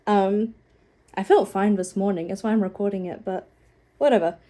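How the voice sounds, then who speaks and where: Young woman, nasal, congested, sniffly, rambling casual chat, mellow tone, phone recording. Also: mid-range voice, steady tone, normal speed. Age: young adult. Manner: rambling, many "like"s, self-deprecating. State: sniffling, a bit out of breath. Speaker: art vlogger.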